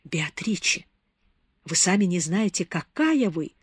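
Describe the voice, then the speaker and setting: A woman reading an audiobook, voicing a suave, melancholy man who speaks softly and persuasively. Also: medium pitch, animated, normal speed, no room sound, lightly acted. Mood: tender. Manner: soft, persuasive.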